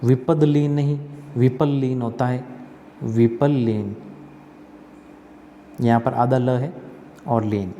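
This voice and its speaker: A man teaching an exam-prep spelling lesson, asking and answering his own questions and repeating words slowly. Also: medium pitch, fairly even intonation, warm tone, long reverb tail, slight background noise.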